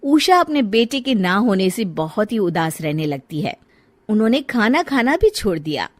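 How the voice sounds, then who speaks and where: A woman's voice: medium pitch, big pitch swings, normal speed, dry recording. A woman narrating a scripted family story as a storyteller.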